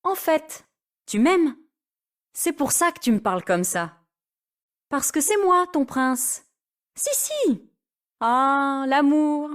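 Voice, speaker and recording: A cheeky teenage boy who never stops teasing, his voice pitched high and bouncing between notes, as a woman puts him on for a storybook. He sounds playful and mocking, and he speaks slowly and clearly for learners. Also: sing-song, exaggerated voice. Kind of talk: audiobook character voice.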